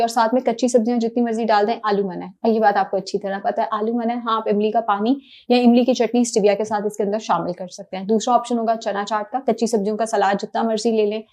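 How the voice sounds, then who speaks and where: A woman's voice: a little high, a little mellow. A woman giving plain, step-by-step diet instructions, with English words mixed in. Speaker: diet planner.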